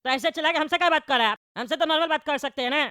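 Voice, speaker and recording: A woman's voice: sits high, rapid-fire, pushed and bright, faint music behind. A woman voicing a boastful, rude bald male politician in a cartoon, mocking and dismissive.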